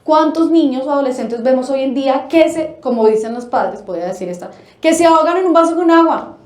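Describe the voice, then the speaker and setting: High-voiced woman lecturing in an echoey hall. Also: fairly quick. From Colombia. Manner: animated, acts out quotes, asks rhetorical questions. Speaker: speaker at a family forum. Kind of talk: lecture to an audience. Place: forum hall.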